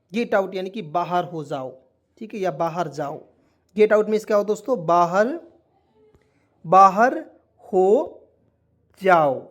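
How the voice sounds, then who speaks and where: A man from rural India teaches English to Hindi speakers, sounding out each letter and then drawing out every meaning word by word. He keeps checking in with the listeners. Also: high-pitched. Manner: spells letters out and repeats meanings slowly, keeps asking "okay?". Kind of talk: Hindi lesson spelling out English phrases.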